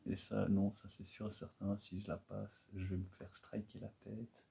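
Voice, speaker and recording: Man narrating his build, low dark voice, halting delivery, casual and self-deprecating. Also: level tone, creaky, a little hiss or hum. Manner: rambling, hesitant, many fillers, self-mocking. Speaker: Lego builder and video host.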